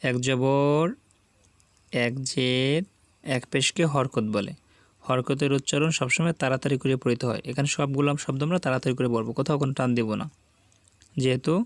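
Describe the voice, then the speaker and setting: A man teaching Quran reading, sounding out each syllable slowly and patiently and repeating it for learners to echo. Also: medium pitch. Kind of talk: slow spelling drill lesson.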